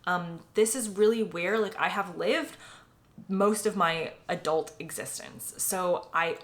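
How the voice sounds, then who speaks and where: A woman's voice: lowish voice, a little slow, fairly bright tone. An American woman in her late twenties, talking casually to the camera in a personal vlog, full of "um" and "like" fillers. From United States. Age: late 20s. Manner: chatty, filler-heavy, often says "like" and "um". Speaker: vlogger.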